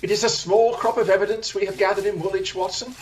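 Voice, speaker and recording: A man playing Sherlock Holmes in a radio play, a brisk, confident detective who speaks in an incisive, theatrical way. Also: sits high, fairly even intonation, natural voice. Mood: brisk, pensive.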